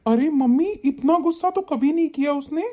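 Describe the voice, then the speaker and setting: A woman voicing a confused, upset young husband in an animated story. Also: sits high, a little fast, lightly acted. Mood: bewildered. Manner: bewildered, pleading. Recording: dull lo-fi sound.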